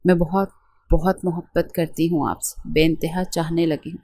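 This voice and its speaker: Storybook bride, adoring, soft-hearted, warm declaration, read by a woman. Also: low-pitched, level tone, no echo.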